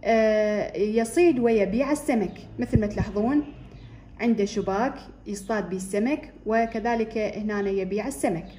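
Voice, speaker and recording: A woman's voice: mid-range voice, mellow, a little hiss or hum. A woman with an Iraqi accent teaching a first-grade reading lesson, repeating and stretching out syllables for young children. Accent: Iraqi Arabic. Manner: slow, drawn-out repetition of syllables for drilling. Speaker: primary school teacher.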